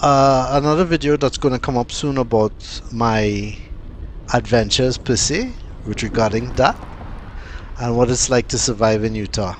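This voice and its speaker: A man from Trinidad, giving casual, unhurried vlog commentary with plenty of fillers and pauses. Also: mid-range voice, a little hiss or hum. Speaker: cycling vlogger.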